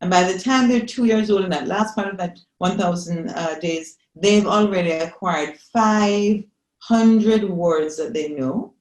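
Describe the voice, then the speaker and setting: A woman with a Jamaican accent speaks from an echoey room over a video call, her voice sitting a little low. She explains like a patient teacher and often pauses to check that her listeners follow. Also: a little mellow. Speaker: psychologist guest. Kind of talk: explanatory interview answers.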